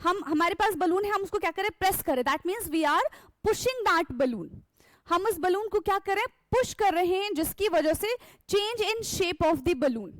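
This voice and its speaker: A very high-pitched female teacher with an Indian English accent explains science step by step. She reads her English lines slowly and carefully and answers her own questions. The recording is dry and close, with no room sound. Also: lively intonation, no room sound. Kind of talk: classroom lecture mixing Hindi and English.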